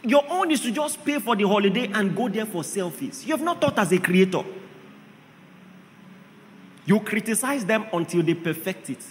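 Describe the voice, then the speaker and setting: A man's voice: high voice, lively intonation, moderate pace, pauses often, in a large hall, a little hiss or hum. A man preaching a sermon, emphatic, often asking the congregation rhetorical questions.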